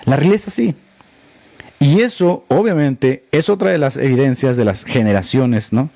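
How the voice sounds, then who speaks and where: With a medium-pitched, creaky, dark voice, a podcast host delivers a livestream monologue at a moderate, animated pace, and no room sound is audible. He is blunt and sarcastic, directing his remarks at one critic whom he names again and again.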